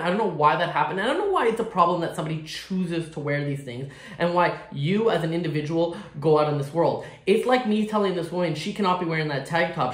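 A man with a sassy, expressive drag queen manner, giving casual reaction commentary in an indoor room. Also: fairly high pitch, echoey room. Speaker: drag performer reacting to a video. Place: indoor room at home, with hard walls.

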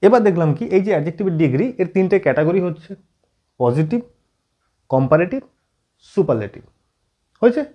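A man teaching an English grammar lesson at a whiteboard, often checking in with his students and slowing down as he writes. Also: sits high, expressive, dull audio. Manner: frequent check-in questions to students; writes on board while explaining, slowing down.

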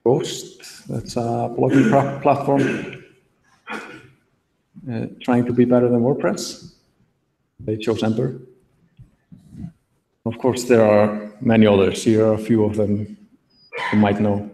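A young man giving a relaxed tech talk at a meetup, thinking aloud with fillers from a podium in a large auditorium. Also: mid-range voice, slow, gravelly, long pauses. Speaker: conference speaker. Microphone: podium mic, recorded from the hall. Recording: echoey hall.

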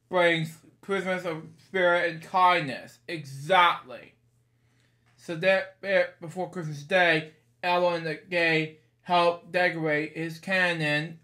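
A man in his thirties with a high-ish, fairly bright voice reads a picture book aloud in a small bedroom. He rambles, adding casual asides and stock phrases.

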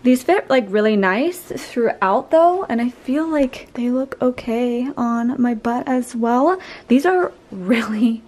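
A woman's voice: on the high side, animated, slow pace, a little mellow. Chatty young woman vlogging a haul. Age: young adult. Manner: chatty, frequent "like" fillers, friendly address to viewers. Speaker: lifestyle vlogger. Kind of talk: casual try-on haul chat. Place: small modern apartment indoors.

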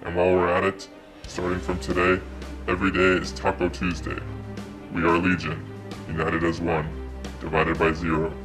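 Super deep disguised voice, masked hacker spokesman, dead flat monotone, music underneath. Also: normal speed. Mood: grave. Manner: solemn monotone proclamation. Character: masked anonymous male hacker spokesman, grave and menacing. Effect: disguised, pitched-down deep voice. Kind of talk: comedy parody announcement.

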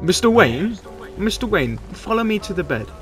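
A man's voice: high-pitched, big pitch swings, moderate pace, far from the mic, over loud music, voice pushed up. A man voicing a fussy male hospital orderly in a coaxing, sing-song voice.

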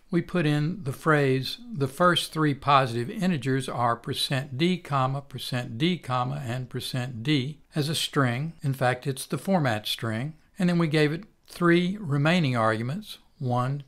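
An older man instructor giving a calm, methodical recorded programming lecture. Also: medium pitch, unhurried.

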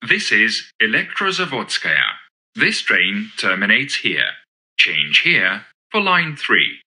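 A man making recorded subway announcements, formal and deliberate in the way he announces stations. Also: lowish voice, wildly swooping pitch, pushed and bright, husky, no room sound. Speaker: English-language metro announcer.

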